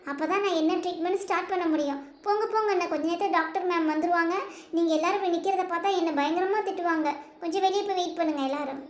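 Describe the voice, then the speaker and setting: A performer voicing a stern hospital nurse in a doll show, speaking quietly, briskly and firmly. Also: very high voice, reverberant. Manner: brisk, hushed and firm.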